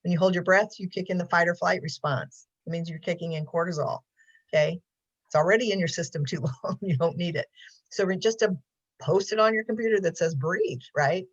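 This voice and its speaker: Through dull, lo-fi video call audio, a mental health counselor speaks a little fast in a husky voice on the low side. Her casual talk is chatty and full of laughter and ums.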